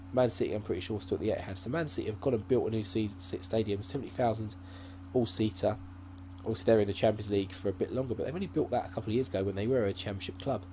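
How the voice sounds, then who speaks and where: On his gaming channel, a man with a mellow voice of medium pitch chats through a casual let's-play, rambling and thinking aloud with lots of fillers and restarts. He records with a desk mic at his laptop, and the laptop's faint hum is audible.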